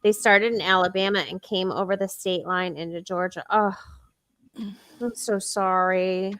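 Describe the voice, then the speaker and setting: A woman's voice: medium pitch, steady tone, measured pace, fairly bright tone, clear, resonant tone. A woman co-hosting a casual podcast, chatting with many fillers and restarts. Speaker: podcast co-host. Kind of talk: casual chat.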